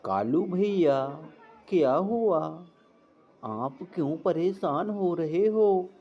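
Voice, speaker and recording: A man voicing a sweet, kind little female sparrow who talks gently. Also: high voice, lively intonation, takes it slowly, full character voice. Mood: caring. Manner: gentle, friendly. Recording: dull lo-fi.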